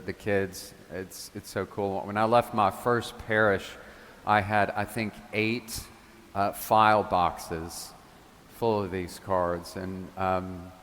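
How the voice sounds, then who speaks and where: A man with a fairly low voice delivers a homily in a church, talking like he's chatting with friends. He tells stories with casual asides. The sound rings with a long reverb from the large space around him. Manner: conversational, animated storytelling with casual asides. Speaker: parish priest.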